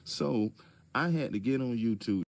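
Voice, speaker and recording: A man speaking calmly but pointedly in direct-address video commentary, asking rhetorical questions, with features. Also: medium pitch, measured pace, gravelly, dry recording. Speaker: commentator addressing a public figure.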